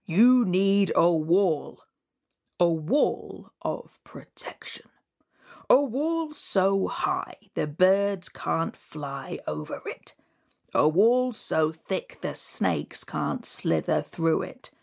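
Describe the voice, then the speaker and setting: A woman voicing a mysterious cloaked male stranger, slow and whispery. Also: animated, gravelly, darkish tone, full character voice. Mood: sly, low. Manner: low, slow, whispery menace.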